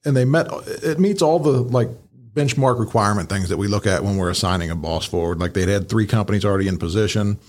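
A man's voice: on the low side, fast. A man in a casual technical discussion, explaining conversationally as an instructor and rephrasing as he goes. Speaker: fire command instructor, show regular.

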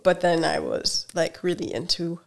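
A woman's voice: on the low side, moderate pace, creaky. A woman from Hungary talking as a guest in a casual interview, hesitant, with many fillers and laughs, tired from little sleep.

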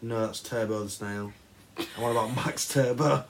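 A man's voice: medium pitch, moderate pace. Young male co-host, loose sweary banter, faint hiss behind. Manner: slangy, swearing, rambling. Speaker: podcast co-host. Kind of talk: casual banter.

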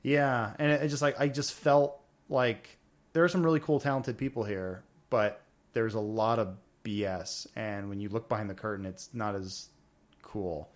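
A man's voice: on the low side, moderate pace. A man as a podcast guest, telling stories in an informal, rambling conversational way. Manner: informal, rambling, quoting himself and others. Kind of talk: casual conversational storytelling.

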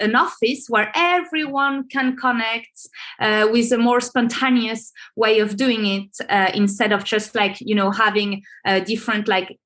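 A woman's voice: on the high side, a bit bright. A woman being interviewed over a video call, talking casually with many fillers and restarts. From Venezuela. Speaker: guest, marketing manager. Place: home in Paris.

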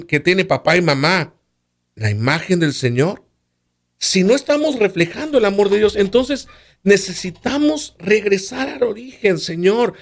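A man preaching about marriage, asking rhetorical questions and quoting scripture. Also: sits high. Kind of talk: sermon-style teaching on marriage.

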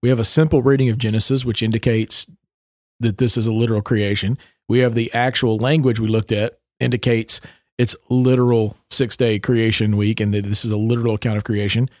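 A man's voice: medium pitch, level tone, fairly quick, a little mellow, dry recording, studio quality. A man co-hosting a casual Bible discussion, reading verses and explaining them, stressing the key phrases.

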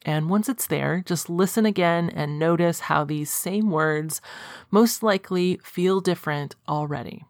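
A woman coach giving calm, gently instructive self-help guidance. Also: low-pitched, no echo, studio quality.

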